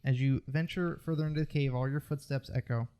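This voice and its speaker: A man's voice: medium pitch, fairly even intonation, a little fast, warm tone, clean tone. A man running a tabletop game as game master, describing scenes and explaining rules.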